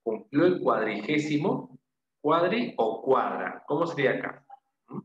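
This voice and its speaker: A man teaches an interactive language class, asking questions, repeating the answers and confirming them with short praise and tag questions. His mid-range voice is animated and his pace measured. The recording has an echoey room, dull lo-fi sound and faint noise.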